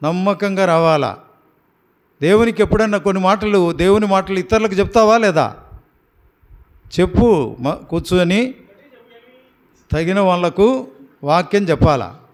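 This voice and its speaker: Man, pastor, high voice, firm coaxing questions, baptism questioning, prayer house. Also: expressive, unhurried, pauses often. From Andhra Pradesh.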